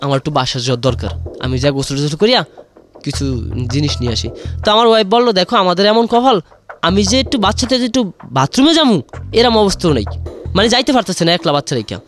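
A man's voice: high voice, very animated, very fast, a bit bright, soft background music. A young man, rambling through an emotional personal story as a radio caller and saying "brother" again and again. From Bangladesh. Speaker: caller sharing a confession.

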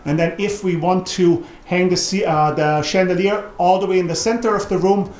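Guy in his 40s showing off his attic reno, kinda high voice, lots of ums, echoey wood attic. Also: normal speed. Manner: relaxed, thinking aloud with many ums and restarts. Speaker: home renovation vlogger. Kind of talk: casual walkthrough narration. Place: large wooden attic under renovation, indoors. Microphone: camera mic, often off-camera.

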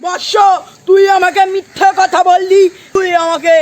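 Man as a stern, squeaky-high cartoon holy man. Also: little pitch movement, normal speed. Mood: stern, scolding. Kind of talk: comedy cartoon dialogue. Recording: loud music behind the voice.

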